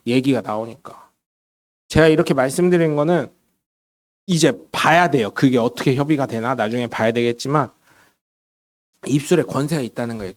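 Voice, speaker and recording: A middle-aged man preaching a sermon in a church, telling stories with lively swings between loud bursts and quiet asides. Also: mid-range voice. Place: church sanctuary.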